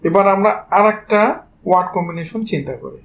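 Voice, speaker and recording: High-voiced Bengali man teaching pronunciation. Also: fast talker, gravelly. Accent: Bangladeshi Bengali. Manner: spells words letter by letter before saying them; addresses students directly and informally. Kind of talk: spelling-based pronunciation lesson.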